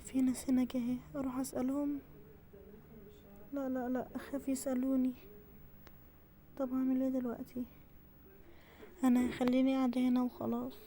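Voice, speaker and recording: A woman's voice: sits high, monotone, brisk, pauses often, warm tone. A woman with an Egyptian accent voicing a sheltered teenage girl who talks to herself, insistent and anxious, in a game role-play. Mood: frightened. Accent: Egyptian Arabic. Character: teen girl kept indoors, eager, then frightened.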